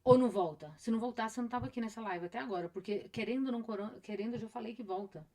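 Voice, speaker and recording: A woman's voice: fairly high pitch, very fast, mellow. A middle-aged woman therapist with a Brazilian Portuguese accent, talking casually on a live stream, repeating phrases and acting out her patients' voices.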